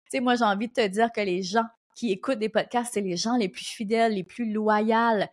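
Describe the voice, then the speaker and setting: A woman with an Acadian French accent hosting her own podcast, giving casual, energetic business advice at a fast clip. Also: medium pitch. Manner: fast, animated, energetic talk. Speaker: podcast host and business coach. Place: indoor recording studio.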